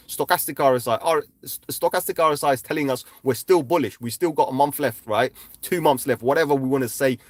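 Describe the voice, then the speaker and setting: A man's voice: medium pitch, no room sound. Emphatic man with a constant "right?". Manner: speaks quickly in bursts, then slows to stress points. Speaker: crypto chart analyst livestreaming. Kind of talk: casual livestream chart walkthrough.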